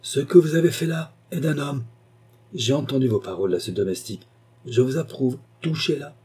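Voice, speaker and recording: A man reading an audiobook, voicing a gruff, blunt older nobleman. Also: mid-range voice, lively intonation, fairly quick, dark tone, pitched above the performer's own voice. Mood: approving.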